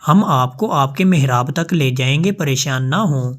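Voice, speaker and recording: A man voicing a kind young woman who gently reassures a stranger. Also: mid-range voice, close to an everyday voice. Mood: reassuring.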